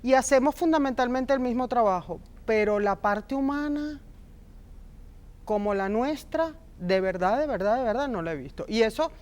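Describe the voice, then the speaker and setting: In an interview conversation, a middle-aged woman born in Argentina and raised in Venezuela, who works as a film script supervisor, speaks with warmth and passion and repeats points for emphasis. Her voice is fairly high and runs at normal speed.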